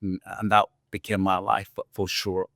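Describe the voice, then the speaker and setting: A middle-aged Ugandan-accented man, a podcast guest, earnestly and reflectively tells his life story, often leaning on "you know." His low voice is flat, with vocal fry and a fairly bright tone, at a moderate pace. The studio sound is clean, with no echo.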